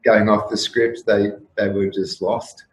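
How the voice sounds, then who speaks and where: A man in his fifties, a guest on an interview show, musing in a rambling, reflective way with frequent restarts and soft laughs. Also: lowish voice, level tone, measured pace. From Australia. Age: 50s. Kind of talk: casual interview talk. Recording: roomy echo with faint room noise.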